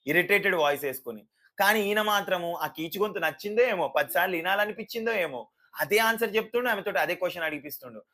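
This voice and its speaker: Sarcastic, bright-voiced male reviewer. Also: on the high side. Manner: sarcastic, animated, mimics people. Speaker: reality show reviewer. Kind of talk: casual review vlog.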